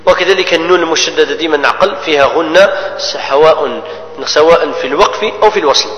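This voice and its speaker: A man teaches Quran recitation rules, explaining each rule and then chanting the verse slowly as an example. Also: a little high, fairly bright tone. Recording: echoey hall with long reverb.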